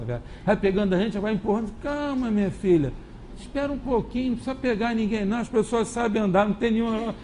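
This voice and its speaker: A man with a Brazilian Portuguese accent giving a spiritist lecture, conversational, moving between low musing and lively quoted voices. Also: a little hiss or hum. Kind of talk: lecture with anecdotes. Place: lecture hall.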